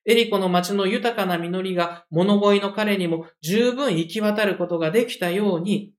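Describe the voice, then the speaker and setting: A preacher speaks in an even, mid-range voice, carefully explaining a scripture passage to a congregation. The delivery is measured and reflective, loosened now and then by casual, conversational asides. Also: mid-range voice. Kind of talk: sermon.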